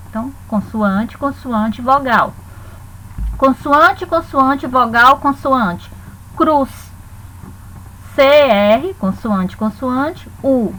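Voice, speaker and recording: A woman teaching a recorded lesson. Her voice is high and bright. She spells out syllables slowly and clearly, with a faint hiss behind her. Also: low-quality recording. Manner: slow, spelled-out dictation of syllables. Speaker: Portuguese teacher.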